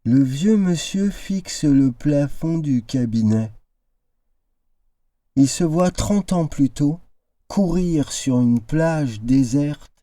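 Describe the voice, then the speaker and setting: A man reading his own tale aloud in an expressive storytelling style, now and then slipping into character voices. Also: no room sound. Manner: shifts into character voices, high exclamations.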